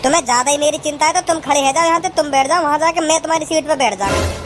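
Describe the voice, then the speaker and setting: A high-pitched woman acts out a quarrel alone, hopping between characters and swearing freely. Music runs clearly behind her. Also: very fast. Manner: coarse, switches between bickering characters, heavy swearing. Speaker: sketch comedian. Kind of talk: one-person comedy sketch with several characters.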